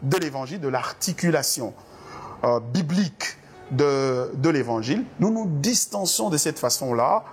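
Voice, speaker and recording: A man's voice: on the high side, expressive, a little slow, soft background music. A man from the Congo, a pastor, answering interview questions about church doctrine in an earnest, preacherly way, with frequent hesitations and repeated words. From Democratic Republic of the Congo.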